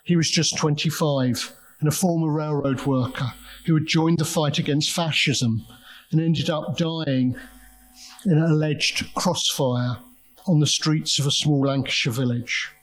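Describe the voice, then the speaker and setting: Man, conference speaker, storyteller, slightly higher voice, talks in spoken story form. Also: fairly even intonation, a little slow, poor audio. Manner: storytelling, with quoted voices and restarts. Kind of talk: academic talk.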